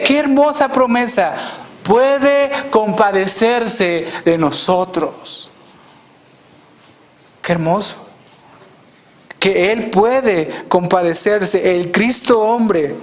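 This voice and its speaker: Male pastor, sermon; high pitch, slow and deliberate, earnest with rhetorical questions and soft hushed stresses. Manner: drops to a soft hush on key phrases.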